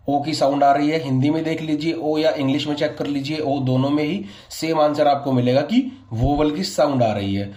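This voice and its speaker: A male English grammar teacher who explains an exercise, asks questions and answers them himself, and reads the example sentences slowly, word by word. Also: fairly high pitch, darkish tone. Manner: addresses viewers as guys. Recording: echoey room.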